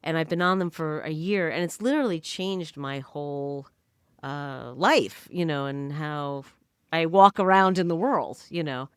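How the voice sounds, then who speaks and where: Husky-smooth lower-pitched woman chatting. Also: no room sound, studio quality. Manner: halting, with many fillers and restarts. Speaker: podcast guest. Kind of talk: casual conversation.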